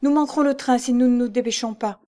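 A woman voicing a hurried maid servant who urges her mistress along, in an audiobook. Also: a little high, steady tone, mellow, voice pushed up, close to an everyday voice. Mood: urgent. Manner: urgent, pressing.

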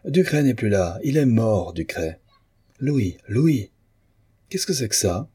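A man's voice: on the low side, lively intonation, moderate pace, dark tone, slightly rough, no room sound, clean studio sound, pitched above the performer's own voice. A man reading the part of a bitter, sarcastic painter who speaks with scorn and defiance. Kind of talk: audiobook character reading.

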